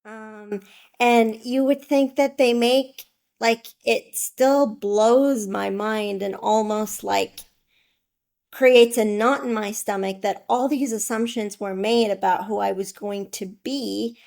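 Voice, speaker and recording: A woman's voice: fairly high pitch, fairly even intonation, takes it slowly, gravelly, a little mellow. A woman in her twenties from Iraq, a podcast guest telling her story thoughtfully and candidly. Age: 20s. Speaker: guest, author. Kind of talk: interview.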